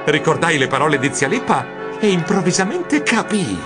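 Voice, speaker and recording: A man narrating an audiobook as a nervous, romantic male mouse, with expressive exclamations that swoop up high. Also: normal speed, music in the background.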